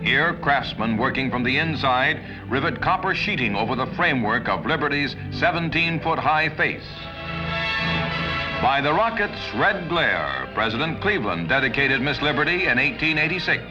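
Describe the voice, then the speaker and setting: 1950s newsreel narrator, man, lively emphatic pitch, dull lo-fi film sound. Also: moderate pace, over music. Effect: old newsreel soundtrack.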